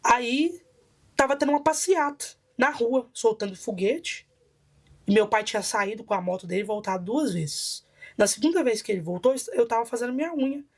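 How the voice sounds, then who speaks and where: A Brazilian woman who is a bishop gives a personal testimony in a Brazilian Portuguese accent, her voice sitting a little high. She retells events vividly and dramatically, staying expressive at a moderate pace.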